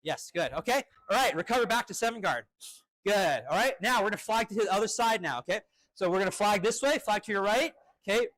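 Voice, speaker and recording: A male fencing instructor running a live drill with crisp, short commands and encouraging words. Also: high-pitched, expressive, fast, a bit bright, dry recording, low-quality recording.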